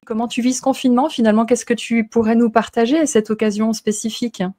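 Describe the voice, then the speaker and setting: A woman's voice: a little high, fairly even intonation, fast talker, mellow. A woman hosting a live interview in a conversational, unscripted style. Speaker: host.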